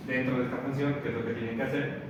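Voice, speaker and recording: A man lectures his class, walking the students through an assignment and working through examples as he goes. His voice sits in the middle of the usual male range. It is recorded from across a very reverberant room, with clear background noise behind it. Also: medium pitch, flat delivery, racing, distant mic. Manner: explanatory, talks through examples step by step. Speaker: teacher.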